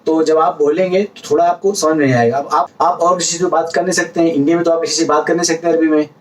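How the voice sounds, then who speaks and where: A man's voice: fairly high pitch, fairly even intonation, quick pace, distant mic, low-quality recording. A man giving a casual spoken lesson, explaining words patiently with repetition and everyday examples. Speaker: language teacher vlogger.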